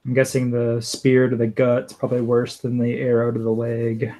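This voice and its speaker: A man playing a tabletop game, thinking aloud in a slow, deliberate way. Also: medium pitch, monotone, dark tone, low-quality recording. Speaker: player. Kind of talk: casual tabletop game play.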